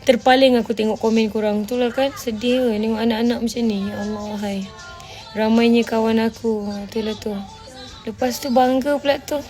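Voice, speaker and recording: With faint music in the background, this woman speaks fairly quickly in a fairly high, darkish voice with fairly even intonation. Hosting a casual livestream in her Malaysian Malay accent, she bluntly scolds viewers in a blend of Malay and English, often asking "faham tak?".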